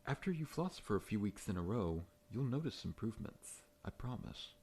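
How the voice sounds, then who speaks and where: In an ASMR roleplay, a man plays a big, friendly scorpion monster who works as a dentist, speaking gently, reassuringly and professionally. His voice sits lowish and sing-song at a normal speed, with slight background noise.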